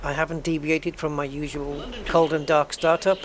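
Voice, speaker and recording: A man's voice: on the high side, little pitch movement, moderate pace, a crowd in the background. A man giving casual, informal gameplay commentary as a flight simulator streamer, with a self-deprecating manner.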